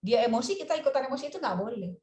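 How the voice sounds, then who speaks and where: A woman therapist gives parenting advice over a video call, animated and expressive, and she repeats her key phrases for emphasis. Her voice sits on the high side and swings widely in pitch. The call audio has a roomy echo. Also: very fast. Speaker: parenting seminar speaker.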